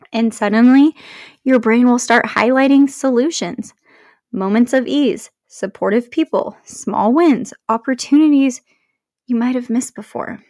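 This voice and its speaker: A woman speaking as a self-help podcast host, explaining in a chatty, encouraging influencer manner with deliberate phrasing and emphatic pauses. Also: on the high side, no echo, studio quality. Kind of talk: motivational explainer monologue to listeners.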